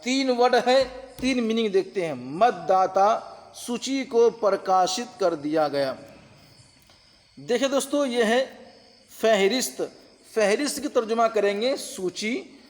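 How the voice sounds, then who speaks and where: The Urdu-Hindi translation teacher has a high voice that sounds as if recorded in a big room. He patiently leads an online translation exam-prep lesson, going over terms again and checking that his listeners follow.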